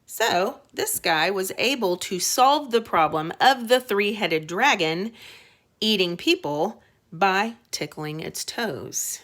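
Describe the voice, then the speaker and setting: A woman, an elementary school teacher, gives young children a reading lesson at an unhurried pace, her pitch rising and falling widely with lively, slightly bright intonation. She explains things in plain, conversational language and slips in short questions to check that they understand.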